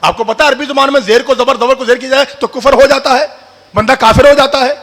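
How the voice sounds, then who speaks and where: A man preaching a sermon, fiery and addressing the crowd directly, rising to shouts. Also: extremely high pitch, fairly even intonation. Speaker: preacher at a religious gathering. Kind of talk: sermon with call-and-response. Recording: long hall reverb.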